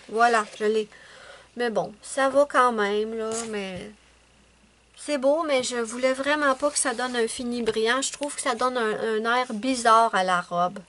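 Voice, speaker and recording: Québécoise woman in a casual home vlog, high-ish voice, rambling and hesitant delivery. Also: fairly bright tone. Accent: Québécois French. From Quebec, Canada. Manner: rambling, chatty, many hesitations and self-corrections. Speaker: adult coloring YouTuber. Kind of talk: casual chat showing finished coloring pages.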